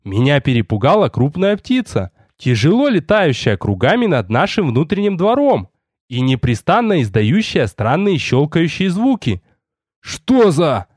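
Expressive guy reading an audiobook, voice a bit higher, really lively. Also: moderate pace, husky, no echo, studio quality. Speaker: audiobook narrator. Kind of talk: audiobook narration.

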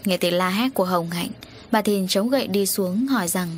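A woman narrating a dramatic audio story in a brisk, expressive way. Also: medium pitch, a little hiss or hum.

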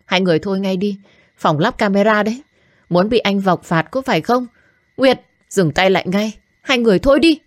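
A woman's voice: medium pitch, moderate pace, warm tone, slightly rough, dry recording, clean studio sound, lightly acted. A woman voicing a young girl in a storybook, earnestly pleading for the fighting to stop. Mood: alarmed. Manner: anxious, begging.

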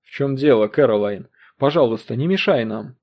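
Guy playing a cold harsh old professor, slow cutting husky voice. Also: expressive, a little mellow. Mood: angry. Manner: low, slow, cutting, then furious. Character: bitter older male historian, cold and harsh.

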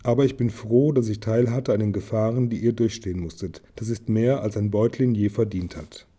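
A man's voice: on the low side, a little fast, close to an everyday voice. Man reading as a weary wounded hobbit. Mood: sad. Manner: softly spoken, shaky. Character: weary wounded male hobbit, polite and gentle.

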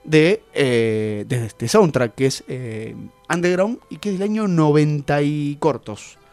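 A man's voice: a little high, slow pace, darkish tone, faint music behind. Rambling radio host, man. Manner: rambling, explanatory, many "eh" fillers. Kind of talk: casual radio chat about music.

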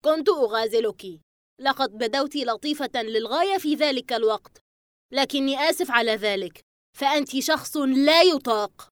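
Brief: a cocky, short-fused young guy done by a female narrator, animated delivery, dry sound. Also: high voice, brisk, no echo, voice pushed up. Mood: irritated. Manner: snappy, irritated. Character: young man, quick-tempered and cocky.

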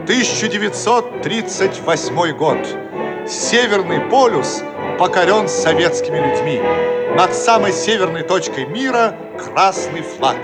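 Over loud background music, a high-voiced man narrates a radio play in the manner of a solemn announcer. His reading is declamatory and clearly scripted, animated yet unhurried.

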